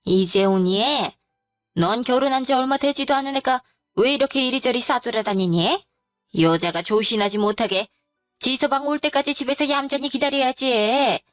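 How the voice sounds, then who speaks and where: A woman's voice: high voice, moderate pace, no echo, studio quality, soft background music, close to an everyday voice. A woman voicing a domineering older mother-in-law who scolds her young daughter-in-law with contempt, in a spoken story. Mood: scolding.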